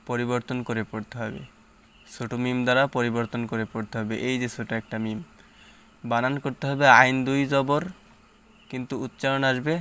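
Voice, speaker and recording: A man with a smooth, medium-pitched voice teaches Quran reading, patiently spelling out letters and sounding each syllable. He drills step by step, reciting louder and slower as he goes.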